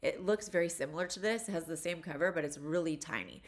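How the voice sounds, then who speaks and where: A college instructor in her forties talks casually through a course introduction video, sounding congested and stuffy from allergies. She rambles chattily with lots of fillers, speaking fast in a fairly low voice.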